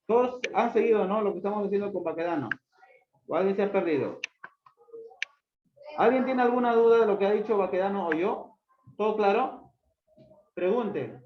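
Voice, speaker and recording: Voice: mid-range voice, lively intonation, moderate pace, pauses often. A teacher giving a classroom grammar lesson, quizzing students by name with repeated questions and scolding them for not reviewing the book. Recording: echoey room, dull lo-fi sound, loud background noise.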